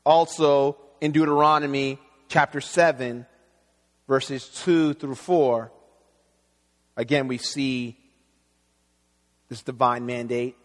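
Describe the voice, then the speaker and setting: A man born in Haiti, preaching an earnest, measured sermon as pastor. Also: medium pitch, steady tone. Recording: long reverb in a hall.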